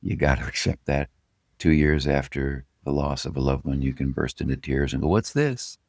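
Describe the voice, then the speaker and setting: A man's voice: very deep voice, little pitch movement, brisk, a little mellow, dry recording, studio quality. A middle-aged man hosting a podcast, telling reflective stories in a casual way. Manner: reflective storyteller. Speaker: podcast host. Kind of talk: casual conversation.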